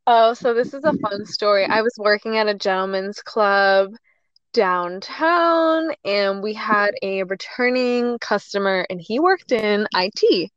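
Animated female guest telling a story. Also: mid-range voice, measured pace, clean tone, no echo, muffled recording. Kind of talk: casual storytelling on a podcast.

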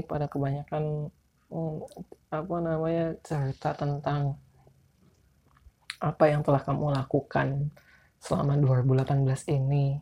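A man's voice: fairly high pitch, gravelly, warm tone. A man with a Jakarta Indonesian accent and a speech impediment on his r's, hosting a casual solo podcast in an informal, rambling, self-deprecating way. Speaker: podcast host.

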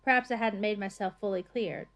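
A woman voicing a breezy, self-assured young man with a brisk, cheerfully bossy manner in an audiobook reading. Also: medium pitch, fairly even intonation, fairly bright tone, lightly acted. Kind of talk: audiobook character voice.

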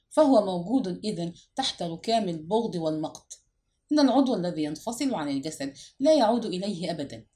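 Woman reading a novel expressively. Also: medium pitch. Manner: expressive, formal literary reading. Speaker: narrator. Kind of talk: audiobook narration of a literary novel.

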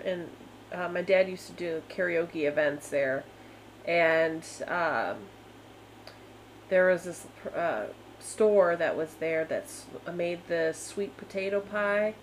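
Young woman talking real slow, chill and easily amused, casual podcast chat, bit of faint hiss. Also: fairly low pitch, rough recording. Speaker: podcast co-host.

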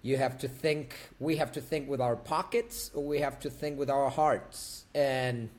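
A man's voice: mid-range voice, steady tone, measured pace, a little mellow. A man, a guest on an interview, talking casually, laughing and repeating words for emphasis. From Argentina. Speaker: guest, actor and tango dancer.

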